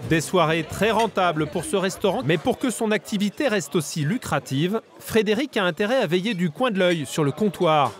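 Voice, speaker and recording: A man narrating a documentary report in a scripted voice-over, over a music bed. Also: sits high.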